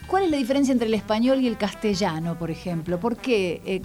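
A woman's voice: medium pitch, a little fast, warm tone, soft background music. A woman from Argentina with a Rioplatense accent, hosting the chat and asking friendly, curious questions. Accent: Argentine Rioplatense Spanish. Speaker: interviewer host. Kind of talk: casual interview chat.

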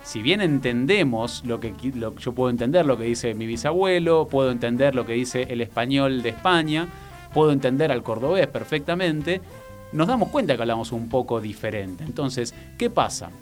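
A man's voice: medium pitch, expressive, soft background music. A man from Argentina with a Rioplatense accent, a teacher explaining things patiently and often checking in with "¿no?". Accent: Argentine Rioplatense Spanish. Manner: patient, measured, frequent "eh" fillers and "¿no?" tags. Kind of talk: explanatory educational talk.

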